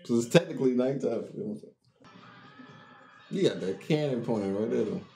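A man co-hosting an anime reaction, speaking in a laid-back, casual way and thinking out loud about the story. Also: medium pitch, animated, moderate pace, creaky.

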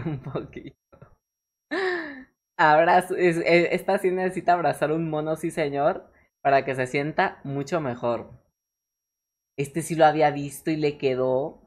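A young woman with a Mexican accent, casually reacting to fan art on a stream, excitable and swearing freely with frequent laughs. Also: deep voice. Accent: Mexican Spanish.

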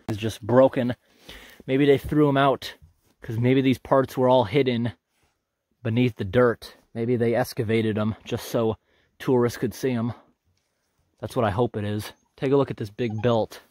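Um homem gravando com câmera de mão enquanto caminha por uma trilha na floresta, comentando de forma descontraída e observadora o que encontra. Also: male voice, medium pitch, unhurried, long pauses, no echo, clean studio sound. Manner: relaxed, observant, thinking aloud. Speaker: hiker filming a walking tour. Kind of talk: casual walk-and-talk narration. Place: outdoors on a forest trail. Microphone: handheld camera.

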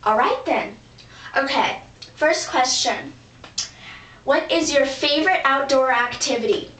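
A woman voicing a bossy dog who hosts a game show with brisk, impatient emcee patter, in a roomy, distant home recording. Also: high-pitched, a bit bright. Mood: hosting.

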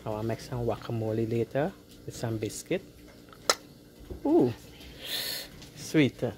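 In a noisy phone-camera recording where frying sizzles in the background, a cooking vlogger with a Guyanese accent chats casually to viewers in her home kitchen. Her voice is rumbling and low, animated yet measured in pace, and she frequently repeats her words.

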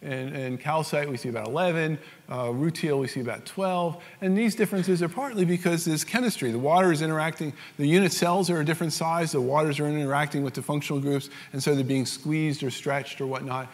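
A man with a New York accent gives a technical lecture, his voice sitting a little high for a man. He explains patiently, with frequent ums and self-corrections along the way. His voice carries a long reverb from a lecture hall. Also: a little fast, few pauses. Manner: explanatory, frequent fillers and restarts. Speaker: scientific lecturer.

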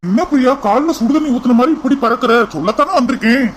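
In this cartoon, an actor voices an earnest young man who speaks high and quick, lightly acted, over poor audio with a bit of hiss or hum. In a Kanyakumari Tamil accent, he coaxes and reassures the woman he loves, repeating her name over and over as he talks her round.

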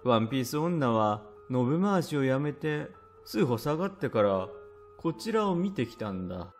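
Suspenseful male ghost story narrator over music. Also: mid-range voice. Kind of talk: scripted first-person horror storytelling in a conversational tone. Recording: music under the voice.

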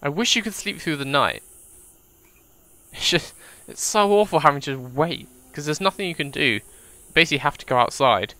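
A man talks through a zombie survival game for his audience, his voice bright and a little high, bouncing up and down with energy. He slips into hushed whispers while sneaking and bursts out with loud startled curses. The sound is close and dry, with no room around it. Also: animated, normal speed, dry recording. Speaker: gaming video host. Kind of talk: let's play commentary. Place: indoors at a desk with facecam.

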